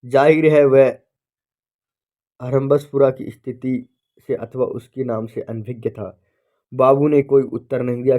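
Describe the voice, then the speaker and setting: A man teaching literature by reading a short story aloud slowly, pausing to correct and explain himself. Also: medium pitch, warm tone. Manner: slow, deliberate reading with self-corrections.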